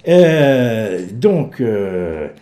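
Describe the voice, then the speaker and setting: Lively stammering male radio host. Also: medium pitch, extremely slow. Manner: lively, stammers and restarts, bursts into emphatic questions. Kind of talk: radio call-in chat with a doctor.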